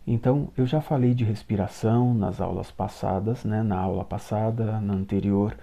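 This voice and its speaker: A middle-aged man from Brazil gives a relaxed, encouraging voice lesson and speaks straight to his students. His voice sits on the low side with a very dark, mellow tone. He explains each point slowly, one step at a time. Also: creaky. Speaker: singing teacher and choir conductor.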